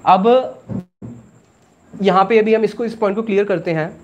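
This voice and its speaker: A man's voice: high voice, steady tone, moderate pace, darkish tone, highs cut off, slight background noise. A man teaching a religious class, explaining step by step, asking questions and then answering them himself, with English words mixed into his casual Hindi.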